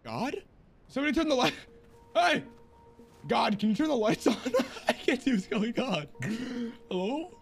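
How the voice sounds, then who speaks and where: A male streamer giving live gameplay commentary, jumpy and swearing, swinging from low mutters to sudden yells. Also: very animated, normal speed, creaky, long pauses, husky. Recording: game music in the background.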